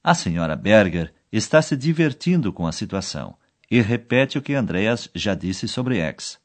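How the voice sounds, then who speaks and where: Lively low-voiced male course narrator. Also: moderate pace. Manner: explains each phrase, then quotes the foreign words. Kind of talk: scripted narration.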